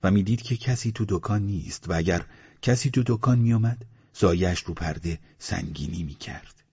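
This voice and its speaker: A man narrates an audiobook in a measured, even reading. His voice is very deep and husky, and the recording sounds slightly muffled. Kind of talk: scripted narration.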